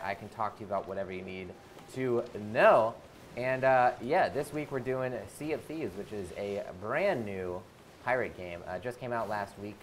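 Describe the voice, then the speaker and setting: A man's voice: medium pitch, fairly bright tone, slight background noise. A man hosting a live game stream, chatting casually and reading viewer comments aloud between moments of play. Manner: casual, lots of uh fillers, reads comments aloud.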